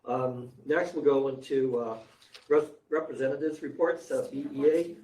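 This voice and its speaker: A man chairing a school board meeting, his voice raspy after surgery, joking and casual. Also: mid-range voice, fairly even intonation, moderate pace, mellow. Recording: echoey room, distant mic, faint noise.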